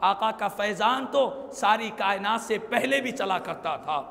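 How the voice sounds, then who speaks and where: Seated before an audience in a small indoor prayer hall, a man gives a declamatory, emphatic religious sermon that includes Arabic quotations. His high-pitched, animated voice runs a little slow, carries vocal fry and a slightly bright edge, and sounds as if it's in a large hall. A stand microphone and a clipped lapel mic capture him.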